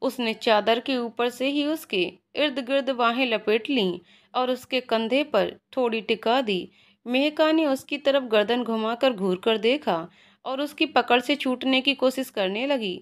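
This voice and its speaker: Woman narrating a love story, steady reading, kinda high voice. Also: measured pace.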